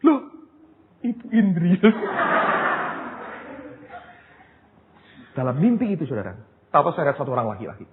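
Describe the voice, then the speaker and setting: A man preaching a sermon as pastor, telling stories in a lively way and often turning to his listeners as brothers and sisters. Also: a little high, quick pace. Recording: tinny phone-like sound, long hall reverb, faint noise.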